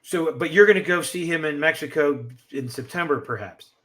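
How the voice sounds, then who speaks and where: A man conducting an interview, asking questions in a gentle, supportive manner. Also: on the high side, moderate pace. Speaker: interviewer who works on birth parent search cases.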